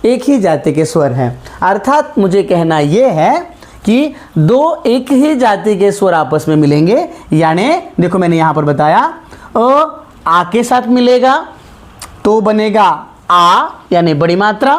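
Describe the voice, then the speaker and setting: A woman gives a classroom grammar lesson at an unhurried pace. Her pitch rises and falls widely as she stretches out sounds and keeps checking that her students follow. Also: very animated. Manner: slow, drawn-out vowels, frequent check-ins. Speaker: Hindi grammar teacher.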